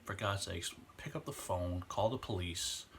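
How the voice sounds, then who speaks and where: A man's voice: low voice, a little hiss or hum. A man, speaking earnestly and emotionally in a personal vlog. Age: 20s. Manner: earnest, emotional, slows down on heavy points. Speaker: vlogger. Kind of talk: impassioned personal vlog rant.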